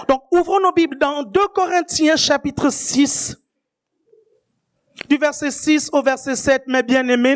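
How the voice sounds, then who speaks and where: A woman delivering a sermon in a high, bright voice. She speaks with force and keeps checking that the congregation is still following. At key points she rises to shouted emphasis. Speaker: preacher.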